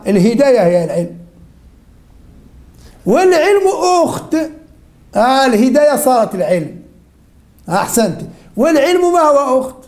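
High-voiced woman quizzing her class. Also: a little mellow. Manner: repeats questions and calls on students. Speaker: religion teacher. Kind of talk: interactive class lesson.

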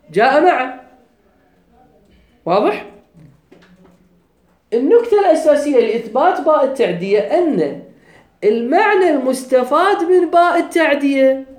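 A Kuwaiti man gives a grammar lecture with a lively pitch, explaining step by step and often checking that students follow. His accent is Kuwaiti Arabic, and the room echoes.

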